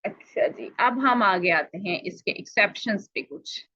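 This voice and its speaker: Bright-voiced woman teaching Quran recitation. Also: medium pitch, no room sound, highs cut off. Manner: explanatory, asks and answers own questions, drawn-out example words. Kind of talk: online tajweed lesson.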